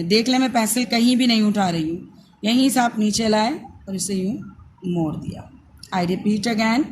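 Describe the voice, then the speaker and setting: A woman from Pakistan with a Pakistani Urdu accent, teaching young children to write and sound out letters in slow, repeated steps. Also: a little high, darkish tone, slight background noise. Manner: slow, repetitive step-by-step instruction. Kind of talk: handwriting and phonics lesson for young children.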